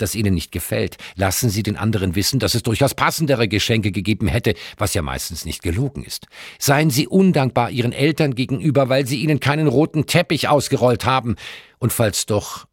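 A man reading a scripted essay in a dry, ironic tone, lifting into lively emphasis when he runs through lists. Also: lowish voice, brisk, husky, dry recording. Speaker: narrator.

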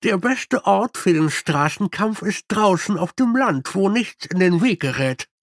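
A deadpan army captain, as a male narrator puts him on in an audiobook, slow and drily ironic, with hesitant fillers. His voice is pitched higher than the reader's own. The sound is close and dry. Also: no echo.

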